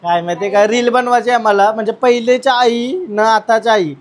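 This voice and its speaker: A young man vlogging casually with his family, lively and teasing as he calls out to the people around him. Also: high-pitched, fairly quick. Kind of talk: casual family vlog chat.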